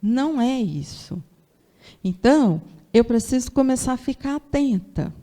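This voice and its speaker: A woman from Brazil lectures at a Sunday spiritual gathering in a fairly high, mellow voice, with an interior São Paulo accent. She talks conversationally and keeps putting rhetorical questions to her listeners. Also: expressive, measured pace. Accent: São Paulo interior Brazilian Portuguese.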